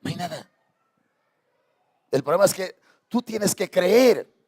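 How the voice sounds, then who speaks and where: In a church sanctuary, a pastor preaches with passion, firing repeated rhetorical questions at his congregation. His voice is high-pitched, expressive, and slow, with a darkish, slightly rough tone.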